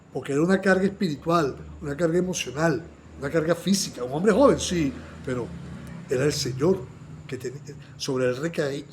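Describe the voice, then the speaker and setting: High-voiced man teaching a Bible study. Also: slight background noise. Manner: animated, often asks the listeners "sí o no"; acts out quoted lines in a raised voice.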